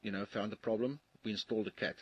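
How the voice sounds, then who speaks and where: A man co-hosting with casual, joking banter, his voice rough and forceful. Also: on the low side, fairly even intonation, quick pace, no echo. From South Africa. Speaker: co-host. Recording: dull lo-fi audio.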